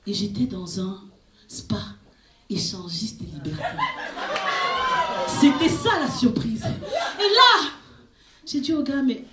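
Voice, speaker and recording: A woman performs stand-up comedy, telling a story in an animated way and jumping to shrill peaks. Her voice rings around a reverberant club. A steady wash of crowd noise sits behind her. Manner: animated storytelling, shrieking at punchlines. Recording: echoey club with audience noise. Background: audience laughter.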